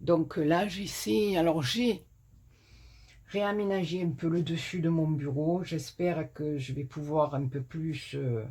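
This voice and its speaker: Woman, southern France, slow, breathy, chatty tutorial, many fillers. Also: sits low, steady tone, dark tone. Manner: rambling, self-mocking, many fillers. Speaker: crafting channel host. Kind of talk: chatty card-making tutorial. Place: small home desk workspace. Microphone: camera on tripod.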